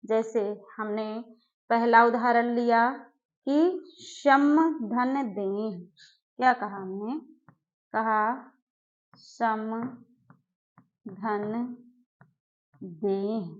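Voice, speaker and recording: Woman teacher, fairly high voice, slow syllable drills, dull lo-fi sound. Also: steady tone. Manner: slow, drawn-out syllable drills with repeated questions. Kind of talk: exam-prep grammar lesson. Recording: dull lo-fi recording.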